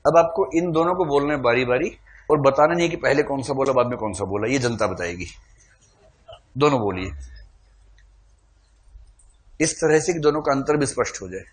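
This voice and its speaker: A man's voice: mid-range voice, a little fast. A man teaching a classroom lecture, quizzing his students, calling for shows of hands and teasing them playfully.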